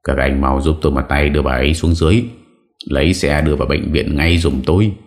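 A flustered middle-aged father talks in a hurried, fretful way, voiced by a man. The voice is extremely deep, close to the reader's own, in an audiobook story.

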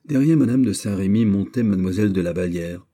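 A man reading a classic novel aloud as an audiobook narrator, with measured, deliberate phrasing. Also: lowish voice, dark tone.

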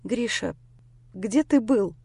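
Woman playing a sobbing, shouting young woman. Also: medium pitch, animated, takes it slowly, vocal fry, breathy edge, dry recording, exaggerated voice. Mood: tearful. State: crying. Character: distraught young woman, tearful and accusing.

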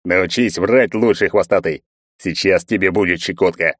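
Man doing a gruff gloating orc. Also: low-pitched, moderate pace, dry recording, clean studio sound. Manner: gruff, mocking.

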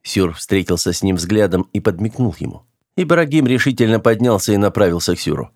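A man narrating an audiobook in a steady, matter-of-fact reading style. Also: lowish voice, fairly quick, no room sound, clean studio sound.

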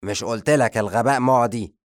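A man with an Egyptian accent voicing a short-tempered, pompous male sorcerer who shouts and lectures fast. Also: fairly low pitch, steady tone, dry recording, clean studio sound, natural voice. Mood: scolding. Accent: Egyptian Arabic. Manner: loud, fast, scolding.

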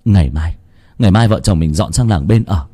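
A man's voice: deep voice, expressive, fairly quick, warm tone. A man voicing a protective young husband with a voice that surges when he is pressed, in a spoken ghost story. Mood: gentle, remorseful.

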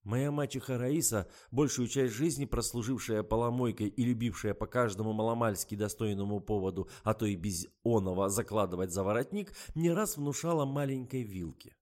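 A man's voice: lowish voice, brisk, few pauses, darkish tone. Man reading a wry audiobook narration. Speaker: audiobook reader. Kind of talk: scripted narration.

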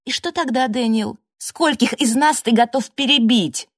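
A woman's voice: low-pitched, a little slow, no echo, clean studio sound. A woman voicing a sneering, accusing young man in an audiobook, mocking and confrontational. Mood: mocking fury.

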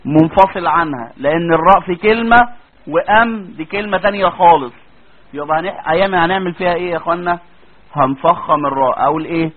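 Egyptian male teacher, high-pitched and husky, chatty lecturing style, keeps asking the class if they follow, tinny lo-fi recording. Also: quick pace. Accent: Egyptian Arabic. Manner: colloquial, keeps asking students check questions. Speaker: tajweed teacher. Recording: tinny phone-like lo-fi audio.

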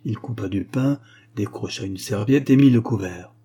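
A man narrating a classic story in a calm, measured way. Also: on the low side, gravelly, slightly rough. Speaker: audiobook narrator.

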